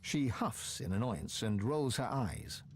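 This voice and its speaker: A man playing a dramatic storyteller, narrating a fantasy video game in a measured, theatrical way. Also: fairly low pitch, sing-song, slight background noise.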